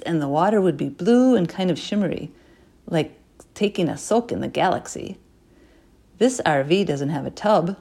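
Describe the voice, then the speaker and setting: A woman reads a chapter book aloud in an expressive storytelling voice. Her tone sits a little low, and she drops softly into her asides. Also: vocal fry. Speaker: narrator. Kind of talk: audiobook reading.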